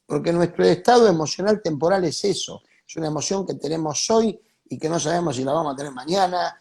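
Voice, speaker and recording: A man's voice: a little high, quick pace, creaky, darkish tone, breathy edge. A man, a pastor guest giving a reflective faith talk, preaching and repeating key phrases for emphasis.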